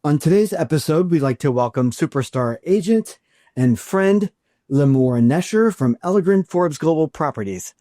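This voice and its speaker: Guy hosting a podcast, friendly, kinda halting with ums, dry sound. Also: a little high, expressive, mellow, no room sound. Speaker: podcast host. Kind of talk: podcast interview.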